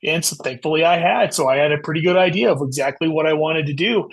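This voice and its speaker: Appearing as an author guest in a casual interview about writing, a man explains things with a quick pace and a fairly high, creaky voice. He frequently says "you know."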